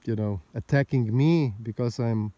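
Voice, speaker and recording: A man's voice: medium pitch, moderate pace, warm tone, no echo, muffled recording. A vlogger from Slovenia, a man speaking English, talking outdoors to his viewers in a rambling, indignant, argumentative way. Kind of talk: casual monologue to camera. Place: outdoors overlooking a mountain valley road.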